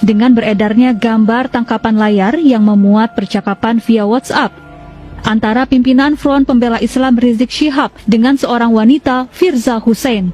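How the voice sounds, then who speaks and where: A woman reads a news voice-over in a formal, measured way. Her voice is mellow and dark, pitched a little high. Faint music plays beneath her. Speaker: news narrator. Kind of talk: scripted news narration.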